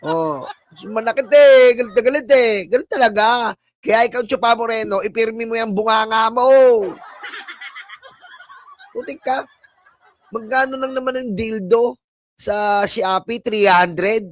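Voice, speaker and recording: A man's voice: very high-pitched, unhurried, pauses often. A man with a Filipino accent hosting a live stream, ranting at his critics in a mocking, sneering way and laughing at his own jabs. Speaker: political livestream commentator.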